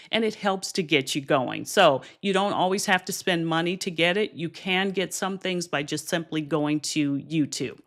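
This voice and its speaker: A woman business coach talking directly to viewers on a livestream, encouraging and direct, with asides to her audience. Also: fairly low pitch. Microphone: streaming camera setup.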